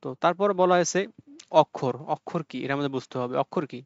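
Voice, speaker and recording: A man's voice: on the high side, quick pace, darkish tone, dry recording. A young man teaching an exam-prep lesson, explaining step by step and repeating key points to check that students follow. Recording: dull lo-fi audio.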